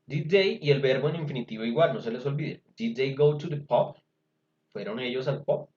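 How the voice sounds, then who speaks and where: A man's voice: medium pitch, normal speed, a little mellow. A man teaching an English class over a video call, explaining patiently step by step. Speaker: English tutor. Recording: echoey, dull video-call audio.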